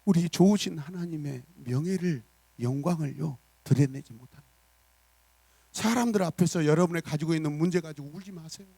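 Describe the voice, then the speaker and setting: Man pastor, sermon, emphatic delivery with soft asides and acted dialogue, slightly high voice, dry. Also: a little fast, gravelly, breathy edge, no echo. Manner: emphatic preaching that swings from loud declarations to soft asides; acts out little dialogues in character voices.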